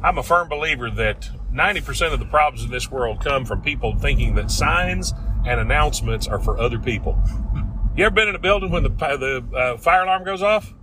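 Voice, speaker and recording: A middle-aged man with a Southern Smoky Mountains drawl co-hosts a casual, folksy podcast from inside a moving car, with constant road noise underneath. His mid-range voice has lively intonation and a slightly quick pace.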